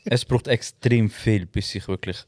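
A young Swiss German man, a podcast co-host, telling a lively story in casual chat and laughing often. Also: lowish voice, measured pace, no room sound, studio quality.

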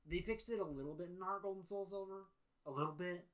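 A man's voice: high-pitched, fast talker, low-quality recording. A man co-hosting a casual chat, enthusiastic, with frequent laughs and lots of "like". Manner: enthusiastic, laughs often, heavy filler "like". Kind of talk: casual chat about video games.

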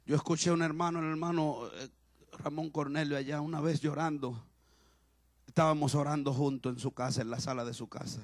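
A male pastor preaching a sermon with passion, swinging between shouts and hushed, quiet talk. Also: a little high, fairly even intonation, brisk, no room sound.

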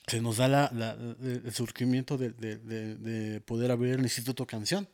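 A man's voice: medium pitch, little pitch movement, moderate pace, a little mellow. A man with a Mexican Spanish accent, a guest in a casual interview, telling his testimony with many fillers and quoted dialogue. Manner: storytelling, quotes himself and others, many fillers. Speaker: interview guest, worship musician.

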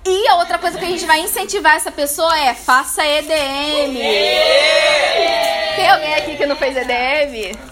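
A woman pastor preaches to a live audience at a church leadership meeting. She is lively and playful and speaks straight to her listeners. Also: sits high, fast talker, hardly any pauses, a loud crowd.

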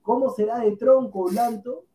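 A man's voice: very high-pitched, steady tone, normal speed, dark tone. A man with a Peruvian accent co-hosting a casual talk show, giving opinions emphatically and repeating himself.

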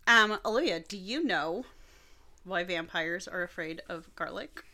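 A young woman co-hosting a casual snacking podcast, giggly and animated, telling a legend. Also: fairly low pitch, a little slow. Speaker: podcast co-host. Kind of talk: casual chat and storytelling.

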